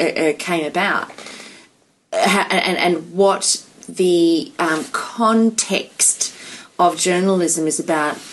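A woman's voice: lowish voice, slight background noise, low-quality recording. A woman hosting a casual chat, explaining her ideas in a reflective way and repeating phrases as she thinks.

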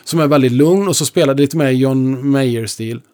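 A man working as a lecturer and musician, telling stories in a relaxed conversation with lively delivery. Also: medium pitch. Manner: lively, animated storyteller. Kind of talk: conversational storytelling.

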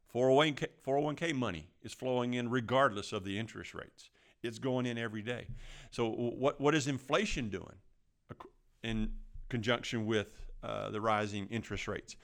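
Male financial podcast host, mid-pitched with noticeable vocal fry, plain-spoken and conversational. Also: fairly bright tone. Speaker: financial advisor.

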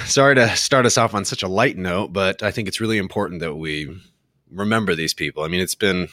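A man co-hosting a casual talk show, relaxed and earnest, with dry jokes. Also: deep voice, a little fast, dry recording. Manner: relaxed, earnest, joking aside. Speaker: show co-host.

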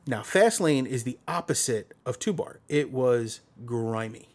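A man's voice: medium pitch, animated, measured pace. Brooklyn man telling stories in casual chat. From Brooklyn, New York. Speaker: podcast guest. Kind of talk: casual conversational storytelling.

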